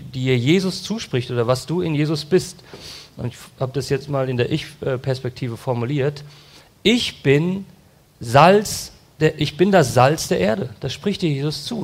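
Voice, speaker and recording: A male pastor delivering a sermon at an ordinary middle pitch. He speaks earnestly and directly to his listeners. Now and then he briefly voices quoted phrases.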